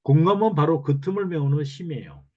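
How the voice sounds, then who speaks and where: Husky-voiced male lecturer, dull recording. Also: on the high side, warm tone. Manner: explanatory, deliberate, reading out example phrases. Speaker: lecturer on empathic communication.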